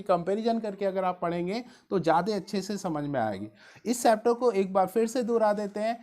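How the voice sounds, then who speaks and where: A woman's voice: mid-range voice, darkish tone. A woman physics teacher explaining how to study a chapter for exams. She mixes in English science terms, calls her listeners dear students, and keeps stressing which topics are important. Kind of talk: exam study-guide lesson.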